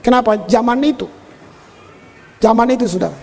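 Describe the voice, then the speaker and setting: An older male pastor preaching a sermon and telling stories from his own life in an animated way, often turning to the congregation. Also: very high voice, a little fast, gravelly. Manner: animated storyteller, often addresses the congregation as brothers and sisters. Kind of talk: sermon with personal storytelling. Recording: long hall reverb.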